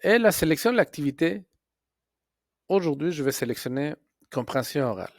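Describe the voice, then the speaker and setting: A man teaching a software tutorial step by step, pausing and correcting himself as he goes. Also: fairly high pitch, big pitch swings, no room sound, clean studio sound. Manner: slow, step-by-step explaining with fillers and self-corrections.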